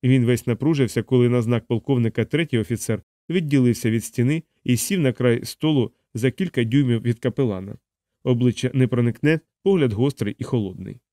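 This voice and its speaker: A man narrating an audiobook with a steady, dramatic reading. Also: mid-range voice, a little fast, no room sound, clean studio sound.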